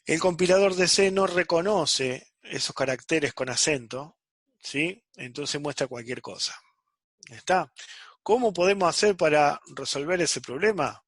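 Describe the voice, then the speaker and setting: This online programming teacher speaks a little slowly, his voice on the high side and fairly bright, with no echo. He checks in after nearly every phrase, using "¿sí?" and "¿está?" to confirm understanding.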